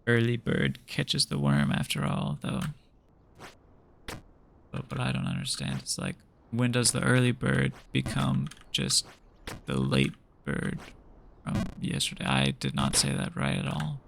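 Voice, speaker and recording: A man's voice: medium pitch, huge pitch swings, measured pace, vocal fry, slight background noise. A young man streaming a game, chatting casually with viewers in a laid-back, rambling way full of fillers and restarts. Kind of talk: casual chat while gaming.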